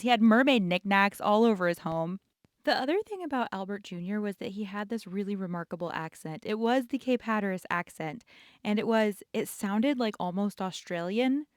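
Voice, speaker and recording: A woman's voice: medium pitch, dry recording, studio quality. A young woman casually telling rambling childhood stories while sketching, laughing often. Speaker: art channel host.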